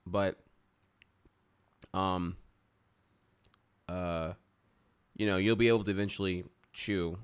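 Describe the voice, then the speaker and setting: Man, low clear voice, sore stiff jaw after wisdom teeth, casual unscripted chat, rambling, halting, frank. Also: steady tone.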